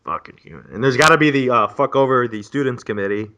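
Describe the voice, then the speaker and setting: A man's voice: medium pitch, fast, sharp tone. A man in his twenties, a graduate student, on a casual podcast, ranting profanely and with exasperation about bureaucracy. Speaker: podcast co-host.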